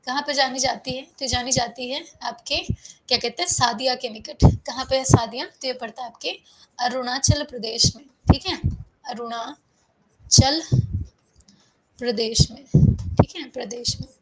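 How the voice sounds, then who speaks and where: A high-pitched woman teaching a live online geography class, talking close to her mic. She is unwell and worn out, yet she keeps questioning her students and answering herself, checking in again and again. A faint hiss and stray clicks run under the voice. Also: normal speed, low-quality recording. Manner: explains step by step, asks and answers her own questions. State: feeling unwell, low on energy. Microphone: close microphone.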